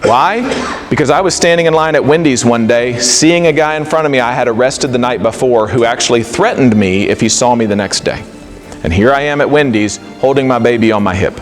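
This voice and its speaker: A middle-aged man giving an animated, conversational talk to a live audience, acting out quoted dialogue. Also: mid-range voice, a little fast, faint music behind. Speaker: speaker.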